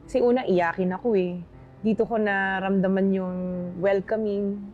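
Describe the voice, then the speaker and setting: A woman in her forties, raised in the Philippines and the UK, answering interview questions politely and telling her story softly. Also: mid-range voice, fairly even intonation, normal speed, narrow, tinny audio. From Philippines, raised partly in the UK. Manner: polite, soft-spoken storytelling with respectful replies. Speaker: interview guest. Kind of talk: casual chat interview.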